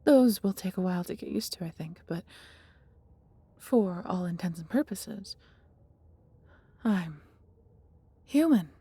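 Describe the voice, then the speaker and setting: Slow and animated, with long pauses, a woman performs a full character voice as a female dragon in a fantasy audio roleplay who is fiercely protective and full of affection. The voice is low, dark and soft, heavily breathy and husky, in formal storybook phrasing that's theatrical yet intimate, and she sounds amazed and delighted.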